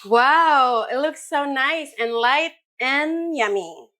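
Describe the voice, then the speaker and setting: A young woman with a fairly high voice chats playfully with a chef in a restaurant kitchen, asking one curious question after another. Faint music plays underneath her voice. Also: expressive, slow, a bit bright. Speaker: vlog host. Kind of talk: casual chat.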